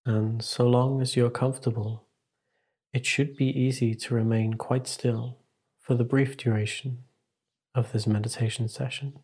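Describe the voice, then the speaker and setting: Short instructive phrases and long pauses mark this male meditation teacher's delivery. His voice is calm, even and slightly husky, holding an almost level pitch throughout.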